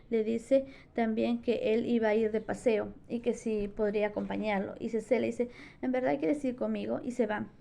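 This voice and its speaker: A woman's voice: on the high side, vocal fry, mellow. A young woman, a student retelling a novel's plot in a book summary with frequent restarts. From Peru. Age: young adult. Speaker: education student.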